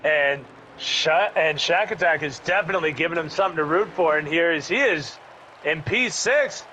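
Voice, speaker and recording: Bright, high-voiced man calling a race. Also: moderate pace. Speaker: race commentator. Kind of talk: live play-by-play sim racing commentary. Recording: dull lo-fi audio with faint background noise.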